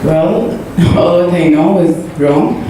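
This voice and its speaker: A Saudi woman, a native Arabic speaker, addresses a congregation as a guest, sharing her testimony in an earnest, halting way with fillers. Her pitch is fairly low, and the church hall recording is distant and noisy, with plenty of echo.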